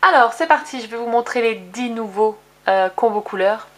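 A woman's voice: on the high side, normal speed. Chatty French-speaking woman demonstrating crafts. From France. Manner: chatty, with many fillers and self-corrections; jokes about her own English accent. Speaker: craft video host. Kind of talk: casual craft tutorial.

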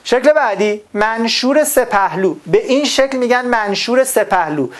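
A woman's voice: on the high side, animated. A woman from Iran teaching a recorded math lesson, explaining patiently and asking the class questions before answering them herself.

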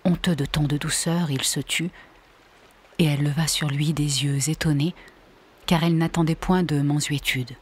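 A woman narrating a literary audiobook in a soft, lingering, often half-whispered breathy voice. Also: sits low, steady tone, moderate pace. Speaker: audiobook reader.

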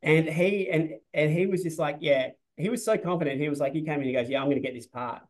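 Director, 40s, casual and rambling, webcam sound. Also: male voice, fairly high pitch, fast talker, rough recording. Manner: rambling, restarts often, says "like" a lot. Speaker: film director. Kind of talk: casual interview on a video call. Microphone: video call webcam.

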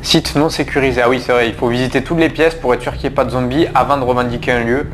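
Speaking quickly in a medium-pitched, fairly even voice, a gaming YouTuber casually narrates his let's-play straight to his viewers. He fills his talk with fillers and restarts while faint music plays behind him.

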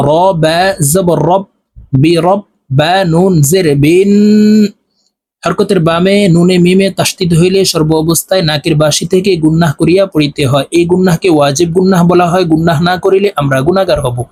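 Male recitation teacher, high voice, patient letter-by-letter spelling, slow drawn-out chanted verses. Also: steady tone, a little mellow, husky.

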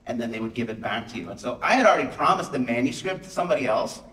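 A man on an author panel, telling a casual story to an audience, animated and acting out the people he quotes. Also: medium pitch, rapid-fire. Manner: animated, acts out quotes with a raised voice. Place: school auditorium. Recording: roomy hall, mic from a distance.

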